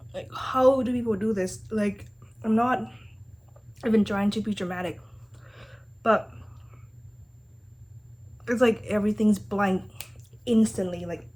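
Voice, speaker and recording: A woman's voice: mid-range voice, unhurried, long pauses, darkish tone, a little hiss or hum, poor audio. A woman chatting casually to viewers as a food challenge vlogger, sounding exasperated and questioning herself. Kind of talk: casual chat to viewers while eating.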